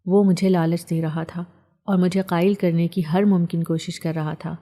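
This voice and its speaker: Low, mellow woman storyteller. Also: flat delivery. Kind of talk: scripted first-person story narration.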